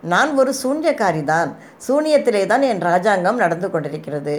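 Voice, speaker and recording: A forest hunter woman who reads fortunes speaks calmly and in riddles, hinting at fates to come, as a woman reads her out. Her storybook voice is mid-pitched and unhurried. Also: natural voice. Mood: cryptic. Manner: calm, riddling, prophetic.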